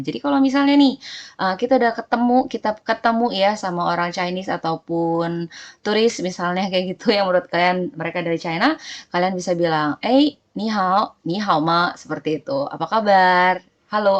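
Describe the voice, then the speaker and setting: A woman from Indonesia giving a relaxed, chatty language lesson, full of fillers and slowly spoken example words. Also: fairly low pitch, dull audio. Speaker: language teacher. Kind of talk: casual vlog-style language lesson.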